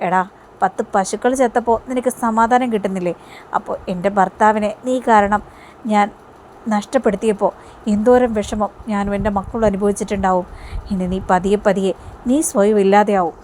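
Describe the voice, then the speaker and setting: A woman's voice: medium pitch, fairly even intonation, moderate pace, darkish tone, a little hiss or hum, close to an everyday voice. Brief: woman doing a scheming old grandmother from a soap retelling, gloating. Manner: bitter, gloating inner thoughts. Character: stern scheming grandmother, bitter and vengeful.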